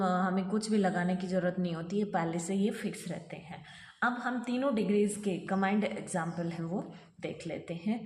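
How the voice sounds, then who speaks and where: A woman teaching English grammar, explaining step by step and asking rhetorical questions, then reading example sentences out slowly. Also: mid-range voice, a little mellow, in a large hall. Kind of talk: classroom grammar lesson explained in Hindi.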